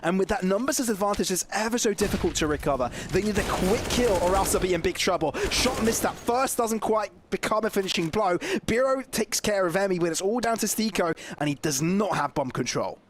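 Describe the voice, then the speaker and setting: A man calling an esports match in quick play-by-play, with a high voice that jumps up at big moments. His delivery is excitable and jokey. Faint background noise sits under the mic. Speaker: esports caster. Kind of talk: play-by-play commentary.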